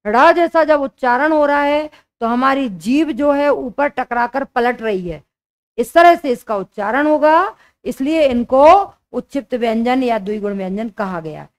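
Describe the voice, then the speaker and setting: A young adult woman teaching a grammar lesson for exam preparation, explaining slowly and repeating her key points. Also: high voice, animated.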